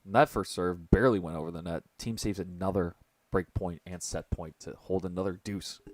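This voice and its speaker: Young male streamer, low dry voice, casual excitable play-by-play from home. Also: brisk, no echo. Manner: chatty, excitable, jokes with people off mic. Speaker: tennis commentator and host. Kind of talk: casual live-stream commentary.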